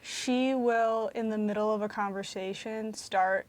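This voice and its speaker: A woman's voice: medium pitch, measured pace. A young adult woman, a college athlete, telling a casual story with lots of "like". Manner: chatty, lots of "like", animated quoting. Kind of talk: casual interview anecdote.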